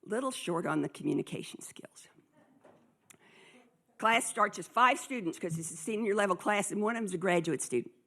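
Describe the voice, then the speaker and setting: A husky-voiced woman tells a story from the stage, her pitch leaping as she plays each person in the scene. She speaks to a conference audience in a loose, conversational way. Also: normal speed. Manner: animated storyteller acting out dialogue.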